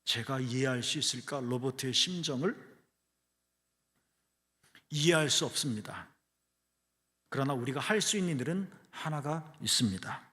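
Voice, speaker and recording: Bright-voiced Korean man preaching in a reverberant hall. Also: expressive, normal speed, pauses often. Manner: earnest preaching, swings between hushed low phrases and raised emphatic ones. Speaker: pastor. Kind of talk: sermon. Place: church sanctuary. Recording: long church hall reverb.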